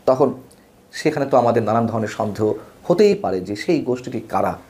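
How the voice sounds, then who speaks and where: A man of ordinary pitch delivering political commentary in an emphatic, rhetorical way. He leans hard on key words with sudden upward jumps in pitch, and the delivery is spoken rather than read, with the odd slip. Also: animated, fairly quick, a little mellow.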